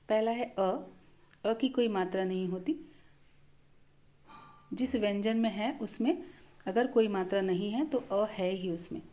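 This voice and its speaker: Slow, patient woman teaching Hindi. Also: medium pitch, mellow. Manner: slow, patient, spells out each sound. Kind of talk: slow explanatory lesson.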